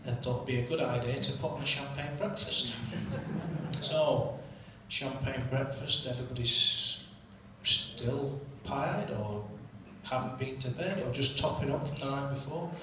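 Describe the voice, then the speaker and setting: A man's voice: medium pitch, a little slow, background noise. A man telling cheeky comic stories from his cricket days at an after-dinner event, heard from a distant mic. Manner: cheeky, comic storytelling with punchlines. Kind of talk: anecdotal after-dinner storytelling. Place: function room. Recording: distant mic in an echoey room with faint ambience.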